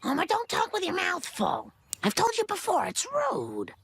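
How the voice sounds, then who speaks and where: An actress voicing a patient, level-headed cartoon housewife with a gravelly, raspy voice who gently scolds her husband. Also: extremely high pitch, wildly swooping pitch, normal speed, no room sound, heavily acted. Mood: scolding. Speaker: cartoon wife.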